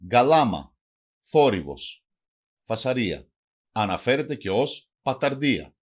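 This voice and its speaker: A man's voice: mid-range voice, sing-song. A man with a Greek accent reading a language lesson aloud, saying phrases one by one and then translating each. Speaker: language teacher.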